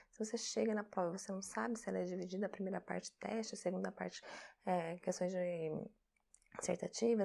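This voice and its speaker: A woman in her thirties gives a grammar lesson at a quick clip. Her voice is warm and dark with a gravelly edge. She explains in a chatty, conversational way, tossing out rhetorical questions. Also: fairly high pitch. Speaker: teacher.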